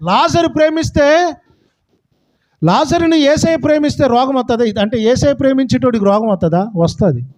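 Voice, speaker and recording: Man, pastor, very high voice, fervent sermon, calls out to the congregation. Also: fairly quick, a little mellow.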